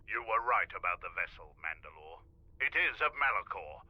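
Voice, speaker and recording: Bright, forceful Mandalorian soldier. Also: male voice, low voice, very animated, normal speed, exaggerated voice, low-quality recording. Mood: grave, dutiful. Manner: formal, military, clipped reporting. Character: loyal armored Mandalorian warrior officer reporting to his commander. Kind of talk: video game voice acting.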